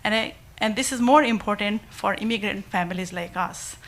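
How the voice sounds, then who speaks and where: A woman's voice: medium pitch, moderate pace. A mother, from Nepal, giving an earnest, emotional public comment to a school board at a podium microphone. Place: school board meeting room.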